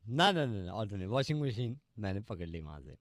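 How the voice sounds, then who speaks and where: A man's voice: on the low side, very animated, a little fast, fairly bright tone, dry recording, studio quality. A man making a prank phone call, rambling and pleading in an earnest way. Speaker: radio prank caller.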